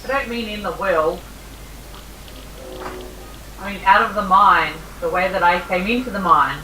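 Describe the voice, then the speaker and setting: A woman's voice: mid-range voice, measured pace, bright, forceful tone, soft background music. A woman chatting casually with friends while playing a game. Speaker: gamer. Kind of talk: casual gaming banter. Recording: roomy, distant, faintly noisy mic.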